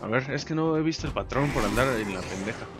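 A man with a Mexican Spanish accent giving live gameplay commentary, excitable and swearing a lot, yelling during fights. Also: medium pitch, fast talker. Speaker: gaming video host. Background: game music.

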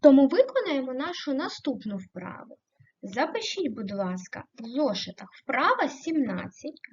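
A woman teaching a primary school class, speaking slowly and clearly, stretching out example words, asking the class questions and praising the answers. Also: high-pitched, big pitch swings, highs cut off. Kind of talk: recorded online lesson.

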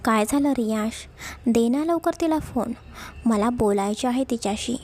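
A woman's voice: fairly high pitch, normal speed, darkish tone, lightly acted. A woman voicing a worried middle-aged mother who pleads and scolds in a storybook reading.

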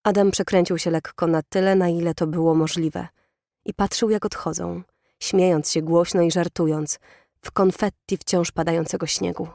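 Brief: woman audiobook narrator, steady and measured, dry close studio sound. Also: fairly low pitch, gravelly, no room sound. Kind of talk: scripted narration.

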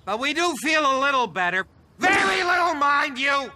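A squeaky grumpy alien trainer. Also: male voice, very animated, moderate pace, very noisy, exaggerated voice. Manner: complaining, shouty.

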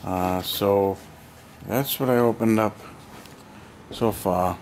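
A man's voice: fairly low pitch, slow, darkish tone. An older man in a cluttered basement, chatting casually as he lists one item after another, recorded on a handheld camera mic. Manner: rambling, chatty, listing items one by one. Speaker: collector showing his hoard. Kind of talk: casual unboxing vlog. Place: cluttered basement storage room. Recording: noisy home camera audio.

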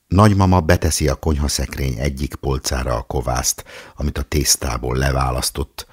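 A man giving a calm, measured literary reading of a story. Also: very deep voice, breathy edge. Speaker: audiobook reader.

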